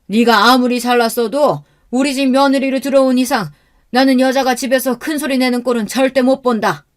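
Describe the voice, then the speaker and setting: A woman's voice: sits high, steady tone, fairly quick, voice pushed up, close to an everyday voice. Woman acting out a hot-tempered old father-in-law. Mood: shouting lecture. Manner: loud scolding, lecturing.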